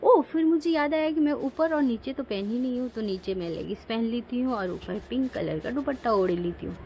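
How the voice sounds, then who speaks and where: With a fairly high-pitched voice and a slightly fast delivery, a young woman vlogs at home while getting ready, rambling and correcting herself in a homely, chatty way. The bedroom recording is poor, with slight noise and a child crying and shouting behind her.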